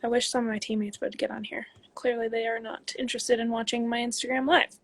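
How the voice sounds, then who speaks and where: An athlete in her twenties runs a casual live stream from home, reading viewers' questions into her phone and answering each in turn. Her slightly high voice is flat and quick, the talk loose and filled with ums, and she occasionally murmurs quietly while reading the next comment.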